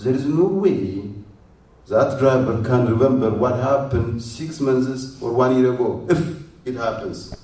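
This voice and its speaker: A man gives halting, hesitant testimony at a public hearing, played back from a poor-quality recording. The room echoes heavily around him. He sounds set well back from the microphone. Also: mid-range voice, dark tone, recorded from a distance. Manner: hesitant, halting, with many fillers. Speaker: taxi drivers' association board member testifying.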